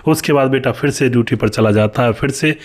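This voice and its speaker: A man narrating an emotional story in a conversational way, speaking to his listeners as friends, with frequent pauses. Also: mid-range voice.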